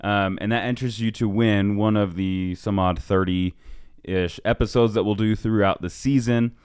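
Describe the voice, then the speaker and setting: A man with a low, smooth voice co-hosts a casual sports podcast. He is laid-back, uses a lot of ums and uhs, and lets his sentences trail off. The recording is close and dry. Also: steady tone, a little slow, a little mellow, dry recording. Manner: easygoing, filler-heavy, trails off. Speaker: co-host.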